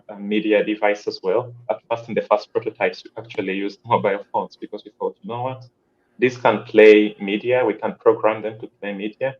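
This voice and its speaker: Low-voiced man on a dull call. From Uganda. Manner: measured explaining, frequent "um". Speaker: panel guest, developer. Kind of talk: panel talk over video call.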